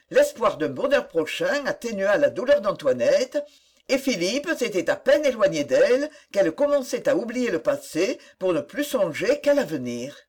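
Audiobook narrator: husky, expressive, measured storytelling. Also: medium pitch. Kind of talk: audiobook narration of a historical novel.

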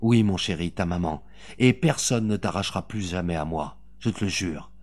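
A man's voice: lowish voice, lively intonation, normal speed, darkish tone, breathy edge. A man reading an audiobook, voicing a fierce, protective mother with commanding force. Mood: tender.

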